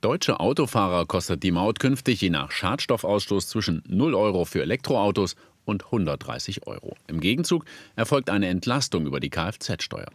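A man reading a scripted news report as a voice-over, measured and clearly articulated. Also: low-pitched, big pitch swings, dry recording.

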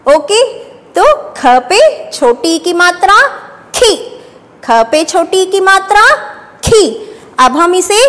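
A woman teacher speaks slowly in a high voice, taking young children through a lesson step by step. She asks each question and then answers it herself. The room around her rings with a long echo. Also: fairly bright tone. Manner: slow, repeats each point as a question and answer.

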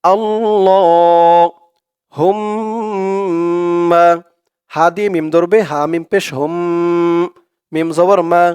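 Bangladeshi male teacher, smooth ringing voice, patient letter-by-letter recitation lesson. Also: fairly high pitch, fairly even intonation, no echo, clean studio sound. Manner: slow, drawn-out recitation of each word, then plain explanation. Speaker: Quran and dua teacher. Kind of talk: spelling out and reciting an Arabic prayer for viewers.

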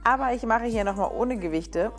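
A woman's voice: a little high, brisk, soft background music. Upbeat woman explaining her gym routine. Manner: upbeat and chatty, explains each exercise step by step. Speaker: fitness vlogger.

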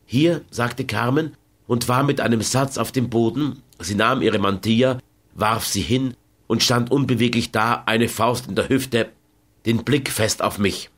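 Male audiobook narrator, measured and dramatic. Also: mid-range voice, a bit bright. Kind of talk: scripted first-person narration.

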